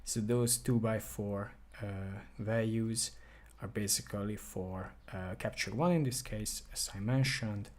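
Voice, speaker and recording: A man's voice: on the low side, measured pace, few pauses. Hesitant Hungarian man demoing gear. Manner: hesitant, apologetic, thinking aloud with fillers. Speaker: product demonstrator. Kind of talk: live-stream product demo.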